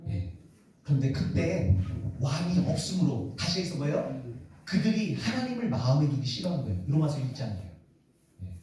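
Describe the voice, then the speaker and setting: In a very echoey church sanctuary, with his voice distant from the mic and a little hiss or hum, a pastor delivers a revival sermon. His slightly high, mellow voice is very animated at a moderate pace as he repeats phrases, poses rhetorical questions, and jokes and teases with the congregation.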